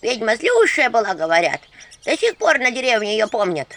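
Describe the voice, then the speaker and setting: A squeaky, anxious little female imp with a fluffy, chatty fretfulness, as a woman puts her on. Her high voice leaps all over and has a gravelly edge. Music plays behind her in this storybook reading. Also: huge pitch swings, moderate pace, fairly bright tone, slight background noise, heavily acted. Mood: fretful, squeaky. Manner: squeaky, fretful, rising pleas. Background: background music.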